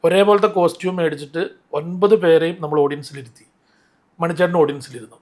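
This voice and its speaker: A man telling stories in an interview, animated and rambling, often restarting his sentences. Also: on the high side, fast talker. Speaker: interview guest, mimicry artist. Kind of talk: casual interview storytelling.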